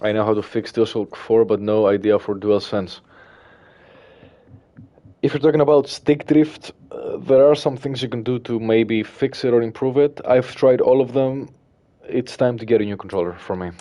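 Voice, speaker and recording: While gaming on a livestream, a Greek man with a Greek accent reads and responds to viewer messages in casual chat. He speaks at a medium pitch and a moderate pace. His manner is relaxed and a bit hesitant, with fillers and quiet laughs.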